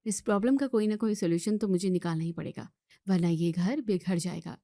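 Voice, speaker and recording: A woman's voice: lowish voice, brisk, mellow, no echo, clean studio sound, pitched below the performer's own voice, lightly acted. A woman voicing Kirti, a caring young woman from the city, who talks earnestly and pleads in a cartoon story.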